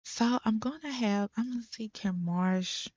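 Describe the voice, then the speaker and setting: A woman's voice: a little high, a little slow, darkish tone, no echo, dull audio. A young woman giving casual, chatty gameplay commentary to her viewers, with frequent exclamations. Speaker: let's play creator.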